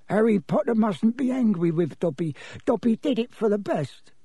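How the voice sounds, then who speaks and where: A man's voice: high voice, expressive, normal speed, dark tone, husky, dry recording, clean studio sound, voice pushed up. A man voicing a small, anxious and servile but stubborn male elf, pleading as in an audiobook. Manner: pleading, refers to self in third person. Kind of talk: audiobook character voice.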